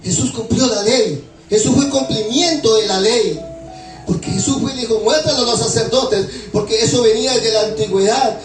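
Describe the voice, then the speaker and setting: A man's voice: very high-pitched, moderate pace. A male pastor preaching a sermon, asking the congregation to answer back in call and response. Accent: Latin American Spanish. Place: church hall. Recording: echoey hall, distant mic, music behind. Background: background music.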